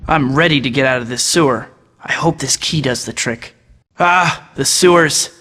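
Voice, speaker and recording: A man's voice: medium pitch, moderate pace, pushed and bright. A young man voicing a quippy, upbeat superhero in a video game, firing off sarcastic one-liners. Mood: wisecracking. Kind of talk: game voice clips. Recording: long reverb on the game audio.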